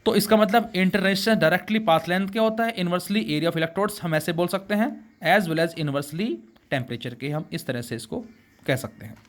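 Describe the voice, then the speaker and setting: Guy teaching physics class, hindi with english words, keeps asking his students questions then answering, kinda high voice. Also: normal speed. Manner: explains in Hindi mixed with English terms, addresses students as beta and bacche; asks rhetorical questions and answers them himself.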